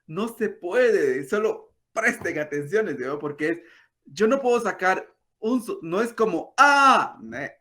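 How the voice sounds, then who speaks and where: Slow, patient man teaching. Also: high-pitched, lively intonation. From Guatemala. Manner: patient, demonstrates soft throaty sounds. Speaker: language teacher. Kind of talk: explanatory talk.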